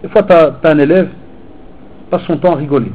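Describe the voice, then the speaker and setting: A man, a teacher and preacher, giving an animated, informal sermon to teenagers and mixing street talk with religious phrases. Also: a little high, a little fast, narrow, tinny audio. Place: hall in Belgium.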